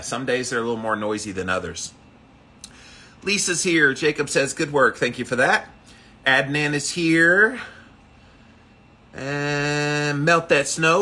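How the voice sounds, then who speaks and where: A man's voice: mid-range voice, sharp tone, husky. A man hosting a casual livestream, upbeat, repeating himself as he greets viewers by name and reads out their comments. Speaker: livestream host of a daily ice bath challenge.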